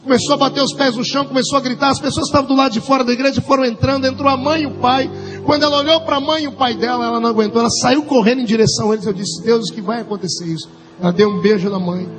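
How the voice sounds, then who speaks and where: A Brazilian man preaches in a high, ringing voice, telling a story with drama. He drops to near-hushed lines and then climbs into shouts. Clear music plays behind him the whole time. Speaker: pastor. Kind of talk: sermon.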